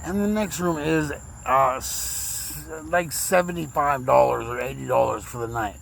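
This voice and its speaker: A man recovering from a recent stroke tells his own story casually, his speech slurred, rambling and emotional, with words repeated. His voice is a little high, creaky and slightly bright, steady in tone at a measured pace, on a low-quality recording.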